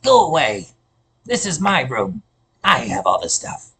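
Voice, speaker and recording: A man's voice: medium pitch, huge pitch swings, measured pace, sharp tone, slightly rough, exaggerated voice. A man voicing a small boastful male kobold who thinks he is a dragon, talking in broken, possessive phrases. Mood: grumpy. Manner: broken grammar, repeats no, possessive.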